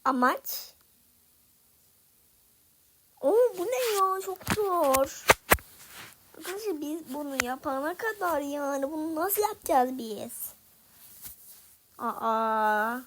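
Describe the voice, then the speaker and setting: A woman's voice: high voice, expressive, slow pace, pauses often, a bit bright. A young woman giving casual gameplay commentary, talking to viewers and getting frustrated at a hard level. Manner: frustrated, talks to viewers while playing. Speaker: gaming video creator.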